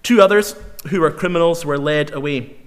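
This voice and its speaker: A man's voice: on the high side, smooth. Earnest male preacher in a reverberant hall. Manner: earnest, emphatic, with slow dramatic repetitions. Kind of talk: sermon.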